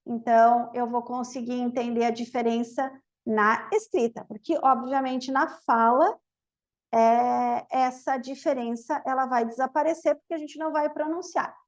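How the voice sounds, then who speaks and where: A woman's voice: fairly high pitch, fairly even intonation, normal speed, highs cut off. A woman from Brazil whose first language is Portuguese, teaching an English lesson and explaining it step by step in Portuguese, repeating each example word twice.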